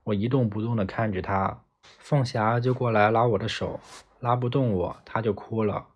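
A man narrates a novel in the first person with a low, husky voice. His reading is steady and plain, like a calm audiobook narrator. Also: moderate pace.

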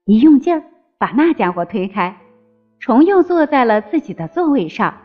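A woman narrating a fairy tale in an expressive storytelling manner. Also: on the high side, moderate pace. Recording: slightly dull with faint music.

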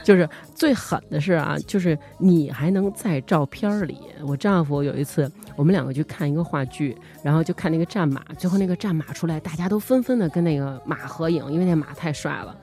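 Fast-talking woman. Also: low voice, faint music behind. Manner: animated, laughs often, acts out dialogue. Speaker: podcast co-host. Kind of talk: casual chat, comic storytelling.

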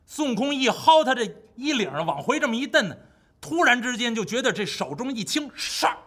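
A man's voice: extremely high pitch, very animated, brisk, fairly bright tone. A man telling a classic story in the traditional storytelling style, vivid and full of spoken sound effects.

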